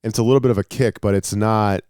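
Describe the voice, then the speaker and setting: A man's voice: on the low side, fairly even intonation, quick pace, a little mellow, smooth, no echo, clean studio sound. A man co-hosting, chatting casually in a teasing, laid-back way. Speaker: co-host. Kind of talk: casual chat.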